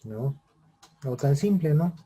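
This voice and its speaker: Dark-voiced teacher giving a class. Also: male voice, fairly high pitch, lively intonation, slow, husky. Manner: explanatory, checks in with "¿no?" and "¿sale?". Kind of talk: online class lecture.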